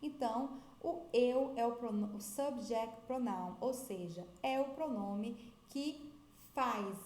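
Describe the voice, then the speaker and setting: Lively Brazilian woman teaching English. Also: on the high side, roomy sound. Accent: Brazilian Portuguese. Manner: lively, switching between English and Portuguese, drawn-out examples. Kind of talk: video lesson.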